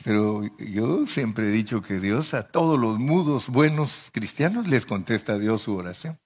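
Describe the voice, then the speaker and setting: A middle-aged man preaching a storytelling sermon, talking conversationally to the congregation and acting out voices with sudden pitch jumps. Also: expressive, unhurried, darkish tone. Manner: addresses listeners as brother, conversational. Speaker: pastor.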